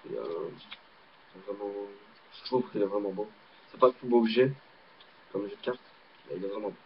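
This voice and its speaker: An amateur magician with a Belgian French accent casually shows off a card trick, rambling and hesitating with lots of fillers. His voice is lowish and creaky at a normal speed, captured on a laptop webcam mic with dull lo-fi sound and faint hiss.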